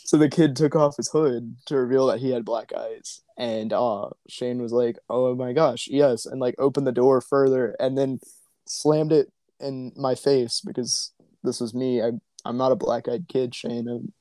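A man's voice: mid-range voice, steady tone, moderate pace, mellow, no echo. A man casually telling a spooky story in a podcast chat, wry and often laughing. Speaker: podcast host.

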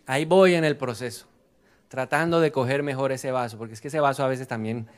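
A middle-aged man, preaching a lively sermon full of rhetorical questions. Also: medium pitch, a little fast. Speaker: pastor.

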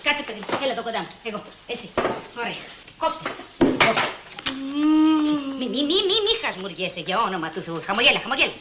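A woman acting in a 1960s film comedy, playing an excitable heroine with loud, theatrical exclamations. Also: high-pitched, long pauses, background noise. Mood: bossy, cajoling. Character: brash, excitable comic heroine.

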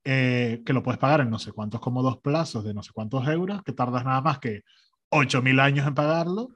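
A man telling a story in a casual chat, ironic and animated, acting out the other voices. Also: medium pitch, fairly quick.

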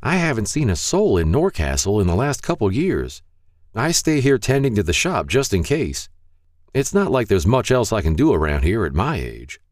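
A man voicing a frail, kindly old male shopkeeper who turns out to be a ghost, talking in a gentle, folksy way. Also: fairly low pitch, sing-song, moderate pace, no echo, studio quality, voice pushed up.

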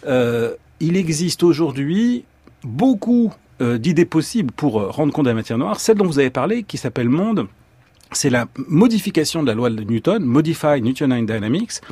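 A man's voice: mid-range voice, big pitch swings, brisk, darkish tone, husky, no echo. A man, an astrophysicist guest on a radio talk show, explaining with playful stories and many restarts. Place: radio studio.

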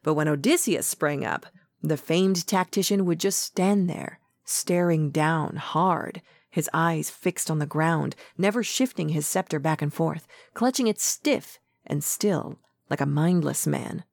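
A woman's voice: deep voice, unhurried, gravelly, no echo, full character voice. A woman playing a shrewd old counselor. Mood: measured.

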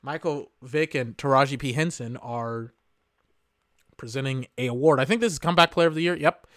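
A man's voice: medium pitch, moderate pace, fairly bright tone, no echo, clean studio sound. A man hosting a podcast, reacting live to an awards broadcast in casual, rambling commentary, often exasperated and swearing. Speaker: podcast host.

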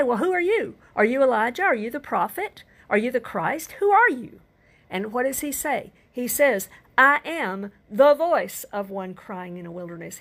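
Gravelly older woman teaching scripture. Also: a little high. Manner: earnest, emphatic rhetorical questions. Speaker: preacher. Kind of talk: Bible teaching sermon.

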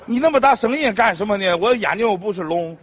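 Migrant worker, stage comedy sketch, Shandong accent, blustering, high voice, lively pitch. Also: male voice, background noise. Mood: indignant. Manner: blustering, comically indignant, fast patter. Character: boastful, bossy male migrant construction worker, older brother.

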